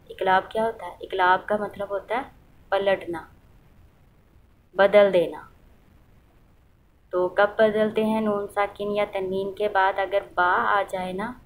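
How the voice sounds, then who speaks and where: A woman's voice: mid-range voice, slight background noise, rough recording. A woman teaching the rules of Quran recitation, patiently asking questions and then answering them, and reciting examples aloud to show how they sound. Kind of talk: explaining a lesson.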